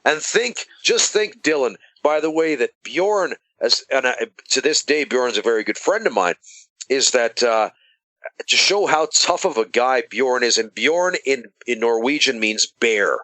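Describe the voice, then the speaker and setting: A man hosting a casual podcast, telling stories in an animated, emphatic way. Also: mid-range voice, unhurried, dry recording, rough recording. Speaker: podcast host.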